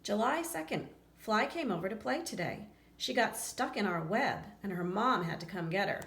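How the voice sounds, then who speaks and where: In a gravelly, mid-range voice and at a moderate pace, a woman performs a children's picture book for young listeners, voicing the lines expressively. Between passages she breaks off to chat casually with them, and the audio carries roomy echo plus a little background noise.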